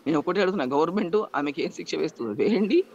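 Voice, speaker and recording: A man's voice: fairly high pitch, lively intonation, very fast, gravelly, a little mellow, dull audio. A man, pleading emotionally in a news interview and repeatedly appealing to the interviewer. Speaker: interviewee, estranged husband.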